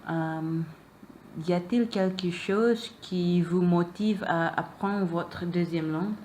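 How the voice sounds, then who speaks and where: This young woman, a student interviewer and non-native speaker whose first language is Malay, asks questions hesitantly with many fillers and repeated answers. Her darkish voice sits on the low side and she takes it slowly, with slight background noise present.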